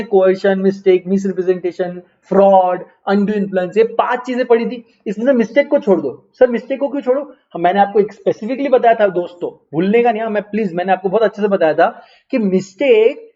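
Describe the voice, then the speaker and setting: A man's voice: sits high, dark tone, lo-fi sound. A man with an Indian accent giving an online lecture. He asks and answers his own questions and keeps repeating key terms. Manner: repeats key terms, mixes English terms into Hindi. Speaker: teacher.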